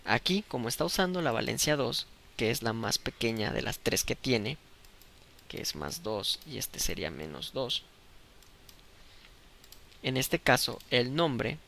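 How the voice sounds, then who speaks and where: Explaining chemistry patiently and one step at a time, a man often asks "¿de acuerdo?" to make sure his students keep up. He has a medium-pitched, creaky voice that sounds pushed and bright.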